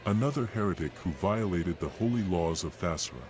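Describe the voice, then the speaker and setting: An actor playing a cold, solemn executioner who declaims in a grandiose, ceremonial manner in a dramatic video game. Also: male voice, sits low, animated, brisk, darkish tone, a faint crowd, a little hiss or hum. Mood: solemn, contemptuous. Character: cold solemn male executioner presiding over public burnings.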